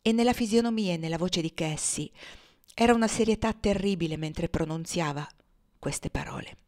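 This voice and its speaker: A woman from Italy reading a classic novel aloud in a measured, expressive storytelling voice. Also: lowish voice. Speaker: reader.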